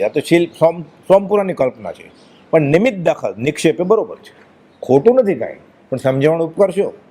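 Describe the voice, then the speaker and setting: Man preaching a devotional talk, emphatic, lots of rhetorical questions, fairly high voice. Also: dark tone. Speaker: religious speaker. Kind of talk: devotional discourse.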